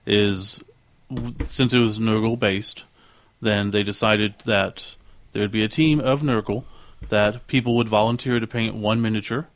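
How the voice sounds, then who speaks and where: A man's voice: fairly low pitch, steady tone, measured pace, no room sound. A man co-hosting a podcast, chatting casually and laughing often, restarting his sentences. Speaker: podcast co-host. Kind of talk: casual chat.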